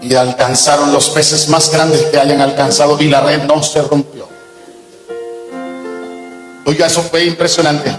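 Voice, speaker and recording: A man's voice: fairly high pitch, level tone, a little slow, pauses often, roomy sound, long reverb tail, faint music behind, rough recording. A man preaching a sermon at a church service, telling a story with fervent emphasis. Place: church service, also streamed online.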